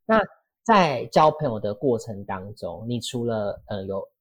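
A man's voice: lowish voice, big pitch swings, a little slow. A man hosting a casual podcast interview, rambling and rephrasing his questions as he goes. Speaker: podcast host.

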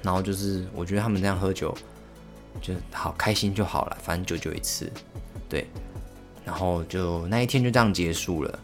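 Deep-voiced Taiwanese man, halting storytelling. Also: faint music behind. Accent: Taiwanese Mandarin. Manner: halting, full of fillers and restarts. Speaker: podcast host. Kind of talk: casual solo storytelling.

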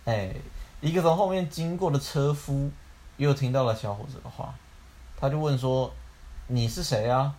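A young man tells a fairy tale casually at a middling pitch. He keeps breaking off to joke and swear about the plot, with a loose, offhand delivery. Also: normal speed, dark tone. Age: young adult. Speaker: storyteller, podcast co-host. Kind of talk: casual bedtime storytelling with jokey asides.

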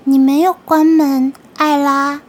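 A woman voicing a sinister male creature from the woods, speaking slowly in a raspy, grating, taunting way. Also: high-pitched, flat delivery, pitched above the performer's own voice. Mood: menacing taunt. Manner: slow, taunting, hissing.

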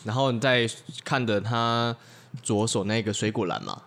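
A man's voice: lowish voice, fairly even intonation, moderate pace, a bit bright. A young man co-hosting a podcast, telling his part of an improvised story in a matter-of-fact way. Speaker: podcast co-host.

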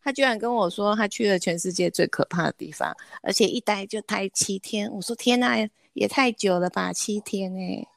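A woman's voice: mid-range voice, moderate pace, gravelly, hardly any pauses, dry recording. A woman with a Taiwanese accent chatting casually in a teasing, talkative way. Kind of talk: casual chat.

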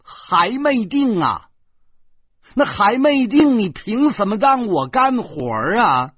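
A man voicing a stubborn middle-aged woman who pushes to be hired as a maid, in an insistent, shrill manner. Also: very animated, unhurried, slightly rough, dry recording, exaggerated voice. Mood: angry. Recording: muffled lo-fi recording.

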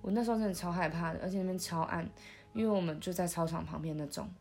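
Low-voiced young woman, soft and halting. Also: faint music behind. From Taiwan. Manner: soft and halting, with many restarts. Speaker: podcast host. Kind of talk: intimate conversational storytelling.

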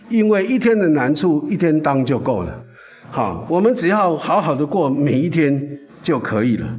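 A male pastor preaching a sermon, telling a Bible story in an animated way. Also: fairly high pitch.

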